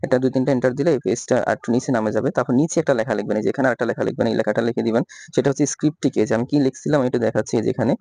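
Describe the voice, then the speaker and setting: A man talking through a software tutorial step by step, asking himself questions and answering them. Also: mid-range voice, rapid-fire, gravelly, dry recording. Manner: repetitive step-by-step instructions, rhetorical questions. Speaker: tutorial host. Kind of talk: screen-recorded software tutorial.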